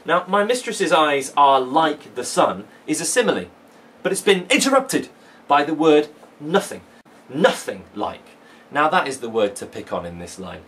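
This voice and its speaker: A man's voice: fairly high pitch, big pitch swings, normal speed, fairly bright tone. A man teaching a poetry lesson from home, chatty and enthusiastic, with plenty of fillers and restarts. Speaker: English teacher. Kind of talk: casual video lesson. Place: living room at home.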